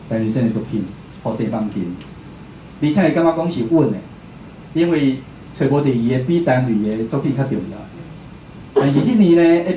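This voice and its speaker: Before a live audience at an indoor talk venue, a Taiwanese man who works as a radio host gives a conversational, informal public lecture. He has a medium-pitched, dark voice; the room is echoey and background noise is clear.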